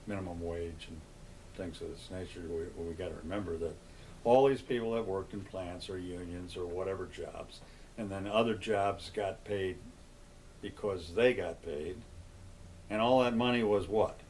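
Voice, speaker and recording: Speaking at a normal speed in a low, slightly mellow voice, an older man gives an oral history interview as a longtime local resident. His style is plain-spoken and conversational, and he tends to pose questions and then answer them. There's slight background noise, and the recording quality is low.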